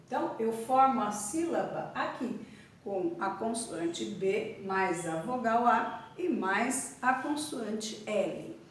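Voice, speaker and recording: Slow, lively teacher spelling syllables. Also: female voice, a little high, a little hiss or hum. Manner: spells out syllables slowly, repeats words. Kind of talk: slow classroom literacy lesson. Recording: echoey room from far off.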